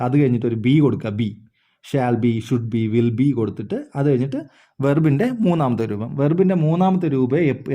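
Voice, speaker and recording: A man's voice: a little high, dark tone. A man teaching an English grammar lesson, explaining step by step, repeating words and often checking whether the listeners understood.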